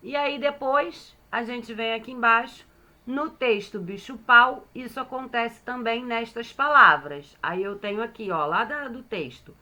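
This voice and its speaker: A woman's voice: a little high, bright, forceful tone. A woman with a Brazilian Portuguese accent teaching young children phonics, patiently sounding out syllables and checking in with them. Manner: slow and patient, sounding out syllables, frequent "certo?" check-ins. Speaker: primary school teacher.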